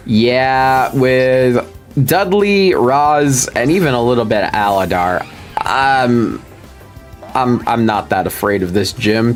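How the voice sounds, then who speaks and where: A man giving casual, rambling commentary as he plays a video game, chatty and full of fillers. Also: mid-range voice. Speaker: gaming video host. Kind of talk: casual let's-play commentary.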